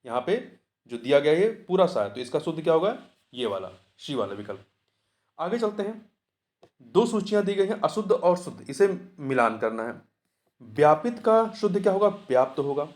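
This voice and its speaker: A man with a somewhat high voice leads a Hindi test practice lesson. He goes through each answer step by step, asks questions aloud and answers them himself, repeating key words. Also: sing-song, moderate pace, darkish tone. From India. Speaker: Hindi exam tutor. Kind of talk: exam answer walkthrough.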